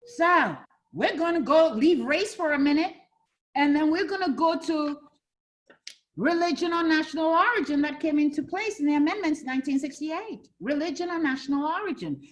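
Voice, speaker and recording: A woman from Ghana, her voice sitting high at a normal speed, teaches an interactive fair housing class for realtors. As she talks she role-plays buyers and agents.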